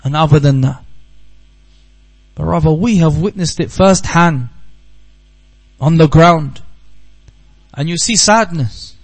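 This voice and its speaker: A man from the UK gives an earnest religious talk at a seminar in a high, raised voice, driving his points home by repeating them. A low electrical hum runs underneath the recording. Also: slow pace, pauses often, poor audio. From United Kingdom. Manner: earnest storytelling, repeats key phrases for emphasis. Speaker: Islamic teacher. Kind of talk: Q&A talk after a religious lesson. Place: seminar hall.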